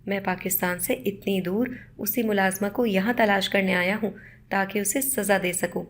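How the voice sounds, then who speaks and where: A woman's voice: mid-range voice, steady tone, a little hiss or hum, natural voice. A woman voicing an angry young man in an audio story, harsh and accusing. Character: angry young man hunting a runaway maid.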